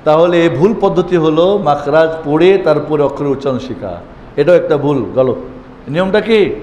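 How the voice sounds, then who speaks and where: A man, leading a Quran lesson. He chants the Arabic letter names loudly so his listeners can repeat them. His voice rings around a reverberant hall over faint background ambience. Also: a little high, normal speed, a little hiss or hum. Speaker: Quran teacher.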